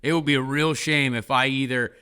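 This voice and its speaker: Podcast host, man, bright forceful voice, rambling casual storyteller. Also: medium pitch, fairly even intonation, fairly quick, clean tone. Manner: rambling, heavy use of "like".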